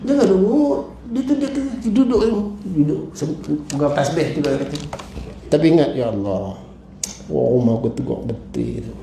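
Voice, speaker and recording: A middle-aged man with a Malaysian Malay accent, preaching in a lively mosque talk that jumps up and down in pitch as he acts out his stories. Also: moderate pace, gravelly. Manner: animated storytelling, acts out his wife and callers. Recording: echoey hall with faint noise.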